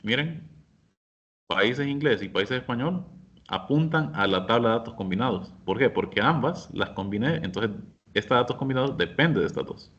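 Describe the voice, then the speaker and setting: A man teaching a software class, explaining each step patiently and speaking directly to his students. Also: mid-range voice, expressive, moderate pace, lo-fi sound. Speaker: instructor. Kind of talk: screen-share software lesson.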